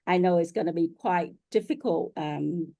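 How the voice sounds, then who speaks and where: Warm, low-voiced woman interviewer. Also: moderate pace, vocal fry. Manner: friendly, many fillers. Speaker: host.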